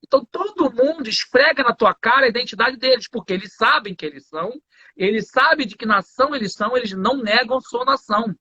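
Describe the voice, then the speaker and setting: A Brazilian man teaching English on a live stream, emphatic and full of slang. His voice is very high and bright, with a forceful edge. The recording sounds somewhat dull and lo-fi. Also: lively intonation, a little fast, breathy edge. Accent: Brazilian Portuguese.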